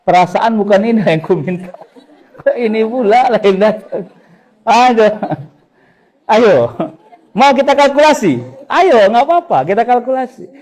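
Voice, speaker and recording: A man with a Medan accent preaching a sermon, joking and telling lively stories. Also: sits high, poor audio. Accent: Medan Indonesian. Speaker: Islamic preacher. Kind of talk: humorous sermon.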